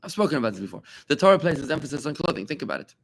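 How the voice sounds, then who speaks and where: A male rabbi leading a Talmud study class in a room with his students. His voice sits in an ordinary middle pitch. He talks in an animated way, firing off rhetorical questions and repeating key points to drive them home. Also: racing, creaky. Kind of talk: lively classroom teaching.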